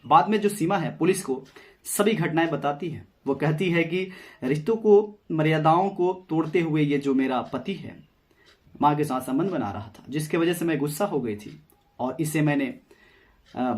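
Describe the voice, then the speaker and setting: A man's voice: a little high, expressive, normal speed. A man narrating a true crime story in a casual, conversational way, repeating phrases and addressing the viewers as friends. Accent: Hindi.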